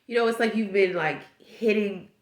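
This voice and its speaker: Her nose stuffed up, a tarot reader muses aloud through a casual reading, rambling over various possibilities. She has a medium-pitched voice and a moderate pace, and the room sounds echoey.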